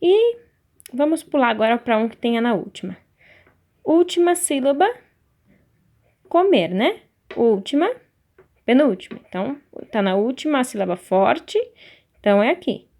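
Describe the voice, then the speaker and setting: A Brazilian woman teacher giving a recorded lesson, patient, drawing out key words slowly. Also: on the high side, animated, darkish tone. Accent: Brazilian Portuguese.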